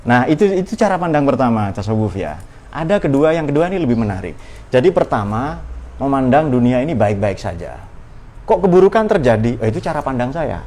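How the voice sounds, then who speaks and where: A man's voice: medium pitch, big pitch swings, a little fast, a little mellow. A man giving an informal religious study talk, conversational and playful, with many rhetorical questions. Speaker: Islamic religious teacher.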